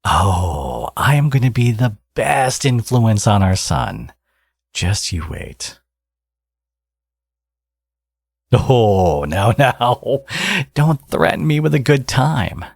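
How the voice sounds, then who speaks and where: In an intimate ASMR roleplay, a man plays a smug supervillain and doting new father, cocky and playfully teasing toward his lover. His very low, gravelly voice is murmured slowly and up close in a dry, echo-free space, sing-song and exaggerated.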